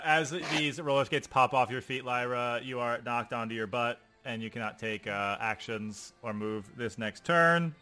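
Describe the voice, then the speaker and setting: A man acting as game master in a tabletop role-playing game, calmly narrating outcomes for the players. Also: mid-range voice, clear, resonant tone.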